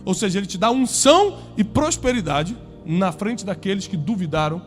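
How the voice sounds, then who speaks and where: A pastor delivers an animated sermon to a live congregation at a moderate pace, his voice high and ringing. He preaches with emphasis, moving between loud climaxes and quiet, low passages. Faint, soft music plays in the background.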